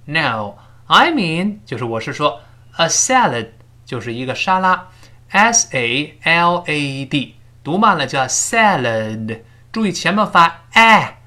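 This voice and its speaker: A man teaching English pronunciation in a recorded lesson, drilling phrases slowly and explaining sounds step by step. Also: fairly high pitch, bright, forceful tone.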